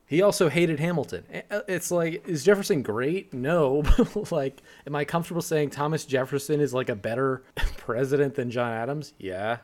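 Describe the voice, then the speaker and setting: A man's voice: medium pitch, moderate pace, darkish tone. A young man co-hosting a podcast, talking casually and wryly, often laughing through his lines. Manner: chatty, wry, laughs often. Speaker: podcast co-host.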